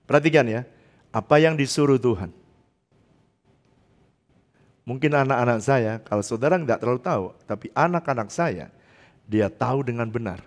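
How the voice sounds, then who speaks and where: An older man preaching a sermon as pastor, laughing often and swinging between loud outbursts and hushed, low passages. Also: expressive, moderate pace, pauses often. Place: church, online service.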